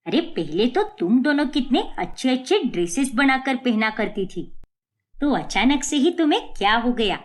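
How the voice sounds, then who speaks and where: A woman voicing a stern middle-aged mother-in-law in a cartoon story, scolding harshly and slowly. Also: fairly high pitch, very animated. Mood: angry scolding.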